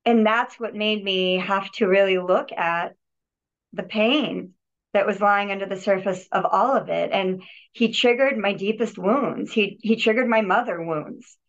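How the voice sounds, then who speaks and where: Speaking a little slowly at medium pitch, a healer and yogi appears as a podcast guest. She earnestly reflects on her personal healing, often restarting and repeating words, in dull lo-fi audio.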